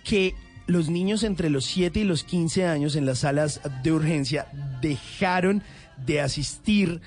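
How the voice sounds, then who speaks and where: A man's voice: fairly high pitch, unhurried, faint music behind. Enthusiastic man sharing trivia. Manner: enthusiastic, rambling storyteller. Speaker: host. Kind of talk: casual trivia chat.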